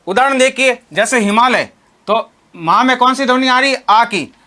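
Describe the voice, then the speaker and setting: A man's voice: very high voice, moderate pace, sharp tone. A young male teacher giving an exam-prep lesson on Sanskrit grammar. He keeps asking the students questions and then answers them himself. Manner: calls the listeners students and friends.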